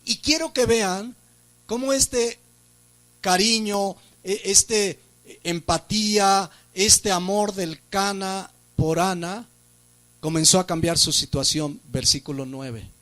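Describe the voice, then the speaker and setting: A male pastor with a Mexican Spanish accent delivers a sermon in a noticeably high voice. He leans on rhetorical questions and lifts his voice to stress key points. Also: takes it slowly, a bit bright. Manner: preaching with rhetorical questions and emphatic rises. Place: church.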